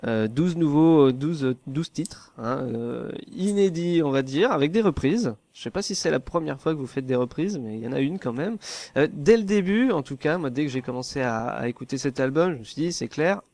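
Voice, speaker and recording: A man's voice: a little high, expressive, fairly quick, darkish tone, no room sound. A man hosting a casual podcast interview, talking with many fillers and restarts. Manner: hesitant, lots of fillers and restarts. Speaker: podcast host.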